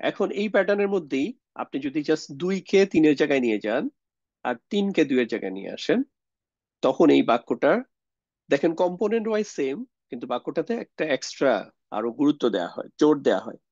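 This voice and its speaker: A man's voice: on the high side, sing-song, quick pace, a little mellow, no echo, muffled recording. A young man teaches a grammar lesson, explaining step by step, mixing in English words and asking rhetorical questions. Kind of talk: lecture on Arabic grammar.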